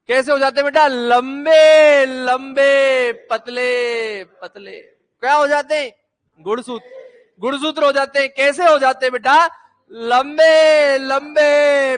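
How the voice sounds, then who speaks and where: Animated high-voiced male teacher. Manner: animated, coaxing students to chant answers. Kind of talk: classroom lecture with call-and-response.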